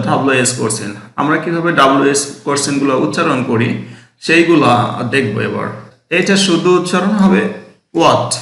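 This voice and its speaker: A man's voice: on the high side, vocal fry, fairly bright tone, reverberant. A man teaching an English phonics lesson to students, repeating each word as he drills it.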